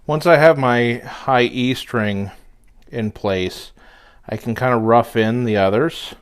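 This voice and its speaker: A man's voice: medium pitch, slow pace, smooth. A man working as a guitar repair technician, talking casually through a setup in his shop with plenty of fillers. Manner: relaxed, talks while working, filler-heavy. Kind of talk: casual workshop narration.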